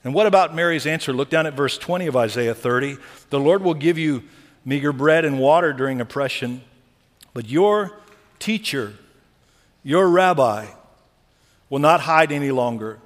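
A man's voice: a little high, animated, moderate pace, pauses often. Preaching man in a reverberant hall. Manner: preaching with swings between soft, hushed lines and loud emphatic ones. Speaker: pastor. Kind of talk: sermon.

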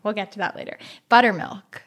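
A woman's voice: mid-range voice, fairly quick, fairly bright tone. A woman with a Boston accent co-hosting a casual chat, playful and chatty, reading through a list and asking questions. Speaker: co-host.

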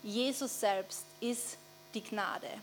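A woman with an Austrian German accent preaching a conversational sermon. She often asks the audience for assent and slows down to stress key phrases. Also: a little high, soft background music. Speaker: pastor. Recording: faint mains hum.

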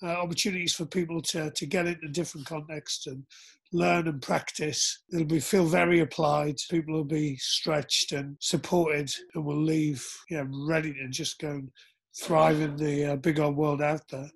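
A man with a raspy, creaky voice hosting a podcast in a casual, chatty way. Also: a little high, level tone, moderate pace. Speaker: podcast host.

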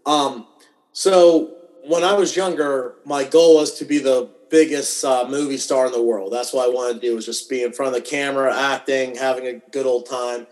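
A wedding videographer from western Pennsylvania tells stories in a casual interview over a video call. His mid-range, darkish voice is steady and moderately paced, and his humor is dry and self-deprecating.

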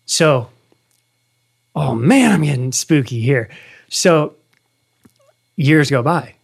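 A man's voice: on the high side, expressive, slow, gravelly, husky. A man in his thirties, hosting a casual conversation and telling an earnest story with animation. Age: 30s. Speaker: podcast host.

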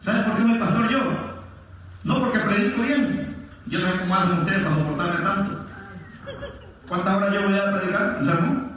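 A man's voice: sits high, normal speed, pauses often, fairly bright tone, far from the mic, slight background noise. A male pastor preaching a sermon in a church, joking with the congregation as he goes. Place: church hall. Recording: echoey hall, mic from afar.

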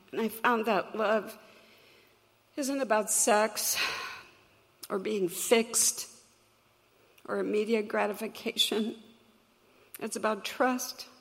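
Speaking from a stage, a woman tells an audience a personal story, earnest and reflective at a measured pace. Her voice is medium-pitched, crackly and gravelly, and her words fade into the long reverb of a large hall.

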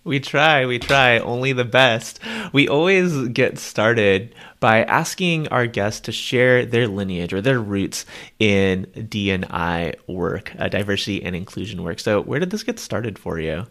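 A man's voice: on the low side, expressive, measured pace, a bit bright. A man co-hosting a podcast, easygoing, who asks the guest questions with a light joking touch. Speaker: podcast co-host.

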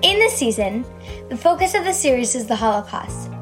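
A woman's voice: a little high, very animated, a little fast, fairly bright tone. A woman hosting a podcast, reading a prepared introduction. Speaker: podcast host. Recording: podcast intro over music.

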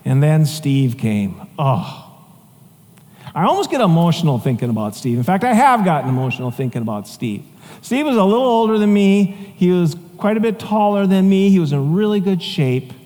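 A man preaching a sermon, telling a personal story in a conversational, animated way with asides and chuckles. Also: sits high, normal speed. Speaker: pastor. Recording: long reverb of a large hall.

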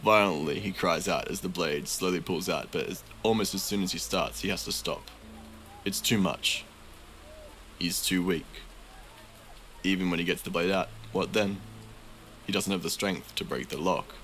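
A man narrating a tabletop fantasy game as game master, in slow, measured, vivid storytelling. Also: low voice, fairly bright tone, slight background noise.

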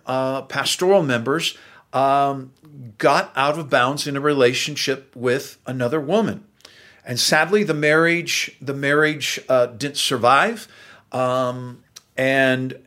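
A man's voice: mid-range voice, pushed and bright. A pastor in his sixties preaching a sermon in an earnest, folksy way, speaking straight to the men in the room.

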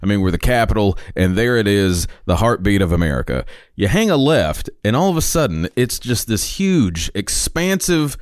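A man's voice: lowish voice, very animated, normal speed, dry recording, clean studio sound. A man hosting a podcast in a playful, jokey casual chat, hamming up his lines. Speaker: podcast host.

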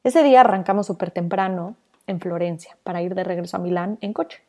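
A young adult woman, hosting a podcast and telling a personal story, lively and acting out the people in it. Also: on the low side, brisk. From Mexico. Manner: animated, acts out the people in her stories. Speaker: podcast host.

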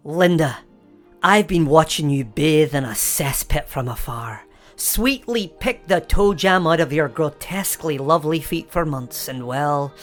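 A woman voicing a lovesick, bashful male ogre with a flustered, stammering manner. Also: low voice.

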